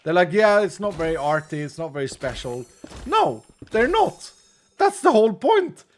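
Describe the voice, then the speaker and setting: Sitting high in pitch and very animated at a normal speed, this man from Sweden, a native Swedish speaker, has a Swedish accent. He casually chats with his stream's viewers while gaming, poking fun at himself, laughing often, and drifting off mid-thought.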